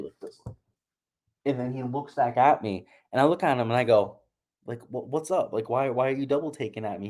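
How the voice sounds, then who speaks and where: A chatty young man with a slightly low voice talks golf picks in a loose, casual way. He tells stories and laughs at himself as he goes. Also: a little mellow. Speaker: golf betting channel host. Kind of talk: casual talk.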